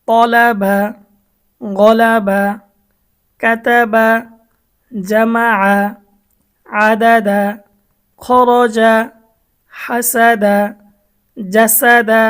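A woman with a Bangladeshi Bengali accent teaching Quran reading to adult learners, spelling words out syllable by syllable in a slow, deliberate way. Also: mid-range voice.

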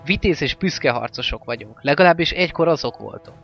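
A man voicing a fierce, weary male orc warlord in a stern, forceful manner, on a slightly dull recording with faint music. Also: fairly high pitch, animated, creaky, voice pushed up. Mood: commanding.

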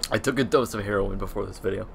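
A young man with hiccups, co-hosting a casual game session, excitable and prone to loud shouts and laughter. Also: fairly low pitch, fast talker, vocal fry, slight background noise. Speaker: let's play co-host. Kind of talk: casual gaming banter.

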